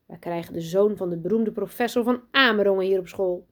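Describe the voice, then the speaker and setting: A woman voicing a strict, pompous headmistress in a children's storybook reading, loud, high and commanding. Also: fairly quick, close to an everyday voice. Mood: bossy. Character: strict pompous female headmistress, bossy and boastful.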